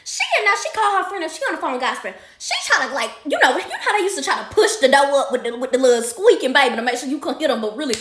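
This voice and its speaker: A young woman spins a comedic story in a high, lively voice that swoops up and down. She talks fast and loose, tossing playful slangy asides to her listeners. The room gives a noticeable echo. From Athens, Georgia. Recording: echoey room.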